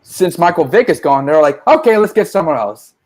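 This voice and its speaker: A man's voice: a little high, sing-song, fairly quick, darkish tone. A man co-hosting a sports podcast in casual chat, making brief, upbeat interjections. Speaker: podcast co-host.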